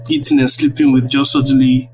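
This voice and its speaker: Music plays behind a Nigerian-accented lecturer in his thirties as he answers interview questions on a very noisy online audio-room connection. He talks fairly quickly at a medium pitch with little variation, framing answers like a lecture, hesitating over wording and checking himself with tags.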